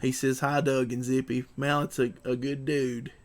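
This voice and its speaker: A man's voice: mid-range voice, flat delivery, normal speed. A man hosting a casual livestream, reading out viewer messages in a laid-back way. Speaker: livestream host reading chat. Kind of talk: casual joking chat.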